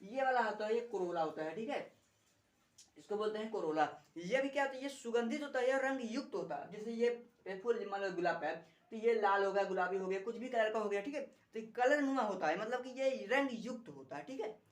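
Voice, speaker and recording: A woman's voice: medium pitch, brisk. A woman teaching a biology lesson, repeating key terms and asking rhetorical questions as she explains a diagram. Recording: echoey room.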